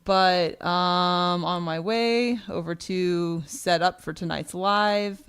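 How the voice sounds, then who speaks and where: Chatty woman co-hosting a livestream, smooth voice. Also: lowish voice, steady tone, slow pace, fairly bright tone, no room sound, studio quality. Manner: chatty, thanks viewers, reads donations aloud. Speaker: co-host of a precious metals livestream. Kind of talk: casual livestream chat.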